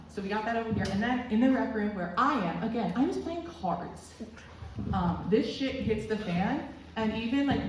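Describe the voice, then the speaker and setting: A young woman telling a rambling, crude stand-up story full of self-deprecating asides. Her voice sits at an ordinary middle pitch. It is caught from a distance in a very echoey room with faint noise underneath. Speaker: stand-up comedian. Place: small student comedy club room.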